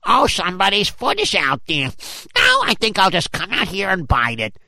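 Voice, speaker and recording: A man voicing a hungry, gloating male snake in a children's story, with a gravelly voice. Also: sits high, wildly swooping pitch, moderate pace, sharp tone, no echo, heavily acted. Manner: gloating, smacking his lips over a meal.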